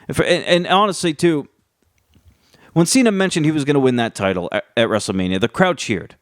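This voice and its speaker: A man's voice: medium pitch, dry recording, studio quality. A man hosting a casual fan commentary on wrestling, speaking emphatically and repeating phrases for emphasis. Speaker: wrestling fan video host.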